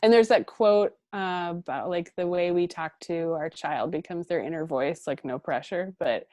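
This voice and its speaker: A woman in her thirties, a guest parent coach on an online interview, talking in a warm, animated way with frequent laughs and fillers. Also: on the low side, moderate pace, no room sound. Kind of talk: conversational interview.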